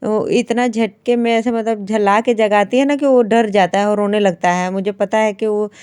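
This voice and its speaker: A woman's voice: mid-range voice, steady tone, normal speed, darkish tone, clean tone, dry recording, clean studio sound. A woman, chatting homely to viewers through her daily-routine vlog. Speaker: vlogger, housewife.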